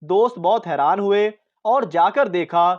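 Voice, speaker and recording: A woman reading a series of short jokes aloud in a steady storytelling way. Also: medium pitch, measured pace, dull audio. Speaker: joke reader.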